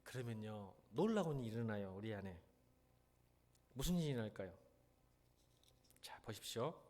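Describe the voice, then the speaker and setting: A middle-aged male pastor preaching in a church, talking conversationally and mimicking people with playful, rough slang. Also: fairly low pitch, lively intonation, moderate pace, darkish tone. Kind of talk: sermon. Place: church sanctuary.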